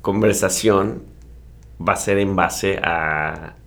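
A man's voice: deep voice, fairly even intonation, slow pace, vocal fry, fairly bright tone. A Mexican man co-hosting a casual podcast chat, joking and slangy, laughing often. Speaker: podcast co-host.

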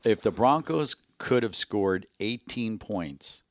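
A man's voice: fairly low pitch, expressive, slow pace, dry recording, clean studio sound. A man co-hosting a podcast, chatting casually about football with frequent agreeing asides. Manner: agreeable, frequent short backchannels and chuckles. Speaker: podcast co-host. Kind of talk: casual sports chat.

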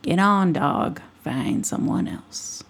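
Grouchy old fisherman, gruff and dismissive, a slow, gravelly voice, put on by a woman narrator. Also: low voice, big pitch swings, whispered, heavily acted.

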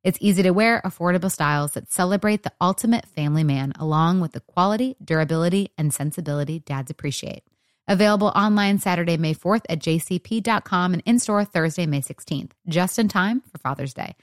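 A woman reading a scripted clothing ad with warm enthusiasm. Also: on the low side, brisk, dry recording, studio quality. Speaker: ad reader. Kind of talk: scripted retail ad read.

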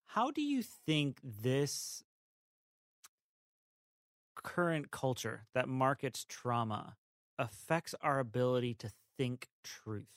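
A man's voice: medium pitch, expressive, takes it slowly, long pauses, a bit bright, no echo, studio quality. A man co-hosting a faith-based podcast, thoughtful and affirming, guiding the talk with questions. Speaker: podcast co-host, interviewer.

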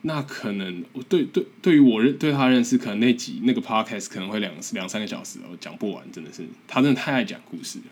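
A young man with a Taiwanese Mandarin accent hosts a casual podcast monologue. His voice sits fairly low and has a husky grain. He talks in an earnest, encouraging way and pokes fun at himself. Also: animated, quick pace, few pauses, a little mellow. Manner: earnest, encouraging, self-deprecating. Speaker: podcast host.

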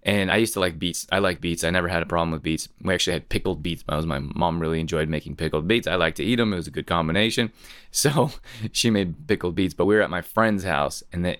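A man's voice: deep voice, a bit bright, clear, resonant tone, no echo, studio quality. A man hosting a podcast, telling rambling, chatty stories and laughing often. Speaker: podcast host. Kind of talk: casual storytelling monologue.

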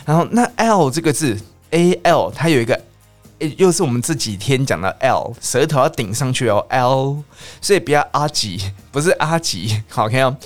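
A man with a Taiwanese Mandarin accent hosting a bilingual English lesson podcast, who repeats words and slows down to drill pronunciation. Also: mid-range voice. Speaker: English teacher and podcast host.

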